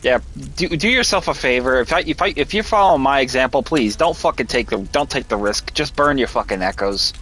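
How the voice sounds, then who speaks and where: A man's voice: mid-range voice, expressive, brisk, hardly any pauses, fairly bright tone. A man streaming a video game, giving live commentary while frustrated, swearing often and stumbling over restarts. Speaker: gameplay streamer.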